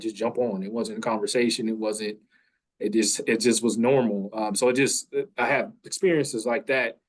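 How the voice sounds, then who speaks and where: A man's voice: lowish voice, poor audio. A man hosting a campus talk, telling a story in a casual way, full of ums and restarts. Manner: hesitant, many ums and restarts.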